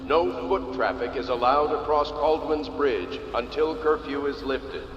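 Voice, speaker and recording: A man voicing a formal city official announcing a curfew over a public loudspeaker, in a measured, official tone. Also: fairly high pitch, dull audio, a little hiss or hum. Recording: echoey distant loudspeaker with game music.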